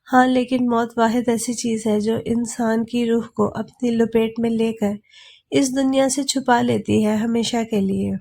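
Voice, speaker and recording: A woman voicing a young man, a caring and serious elder brother who chides gently. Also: fairly high pitch, fairly even intonation, measured pace, creaky.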